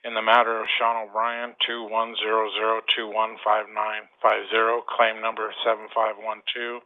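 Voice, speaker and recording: A man calling in over a speakerphone line, reading a prepared formal statement as a claimant, with deliberate pacing and frequent "uh" pauses. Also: fairly low pitch, monotone, phone-quality sound. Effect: heard over a speakerphone line.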